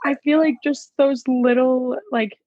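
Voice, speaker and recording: A woman's voice: high voice, steady tone, measured pace, no echo, phone-quality sound. A woman guest on a podcast, talking casually and reflectively, with many filler words. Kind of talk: casual conversation.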